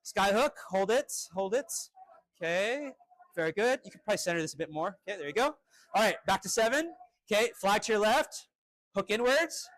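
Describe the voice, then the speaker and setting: A male fencing instructor running a live drill with crisp, short commands and encouraging words. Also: high voice, lively intonation, brisk, a bit bright, no echo, rough recording.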